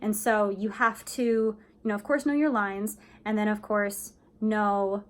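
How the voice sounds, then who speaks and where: A woman's voice: mid-range voice, unhurried. A woman casually explaining acting, talking in a chatty way with many fillers. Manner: chatty, many fillers, acts out excited phone calls.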